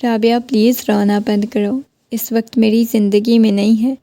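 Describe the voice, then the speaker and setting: A woman's voice: on the high side, little pitch movement, warm tone, no echo, natural voice. A woman reading the lines of a stern, defensive young husband in a firm, reasoning voice.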